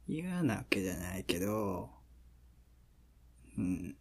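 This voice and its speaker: A man acting a husky Kansai boyfriend's pillow talk. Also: on the low side, sing-song, takes it slowly, exaggerated voice. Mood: sleepy, teasing. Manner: soft, playful, breathy murmuring with chuckles. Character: teasing, affectionate young boyfriend in bed with his girlfriend. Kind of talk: intimate pillow-talk role-play.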